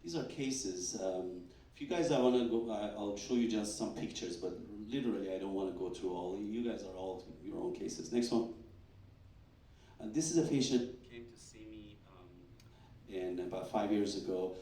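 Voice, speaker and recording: Animated doctor speaking in an echoey hall. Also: male voice, fairly low pitch, normal speed. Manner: animated storyteller, acts out quotes with stammers. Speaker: doctor presenting research. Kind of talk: live talk at a fundraising event. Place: event hall. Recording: echoey hall, distant mic.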